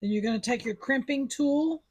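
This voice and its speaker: Husky woman doing a chatty beading tutorial, kinda high voice. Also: moderate pace, a little mellow. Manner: chatty, step-by-step instructions. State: sucking a mint after coughing. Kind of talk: casual craft tutorial.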